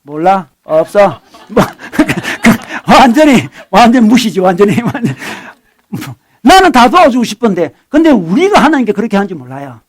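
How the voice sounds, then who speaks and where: High-voiced animated Korean pastor preaching. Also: male voice, normal speed, breathy edge. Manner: animated, conversational preaching with sudden loud and soft swings; acts out dialogue with his son. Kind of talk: sermon.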